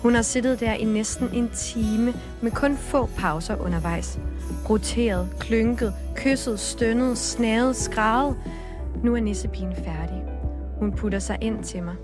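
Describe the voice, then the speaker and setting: A woman co-hosting a podcast, reading a story aloud at a steady, measured pace and chatting casually, with music underneath. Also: on the high side. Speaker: podcast co-host and journalist. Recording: background music bed.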